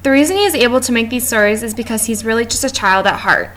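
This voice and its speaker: A woman's voice: a little high, animated, fast talker, fairly bright tone. A woman reading a class presentation aloud from notes, with small stumbles and restarts. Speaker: student presenter.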